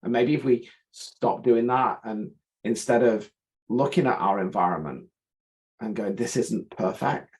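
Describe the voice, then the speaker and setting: A man's voice: on the low side, measured pace, low-quality recording. Earnest man musing on a call. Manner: earnest, rhetorical questions, acts out inner voices. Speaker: guest coach. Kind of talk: reflective interview talk.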